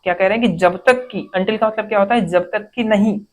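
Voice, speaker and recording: Woman teaching grammar, asking her own questions. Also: mid-range voice. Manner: reads English sentences slowly, word by word. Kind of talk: exam-prep grammar lesson.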